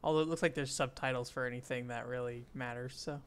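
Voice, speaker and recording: A man streaming a game, talking casually with relaxed asides to his viewers. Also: mid-range voice, fast, clear, resonant tone. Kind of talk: casual gameplay commentary.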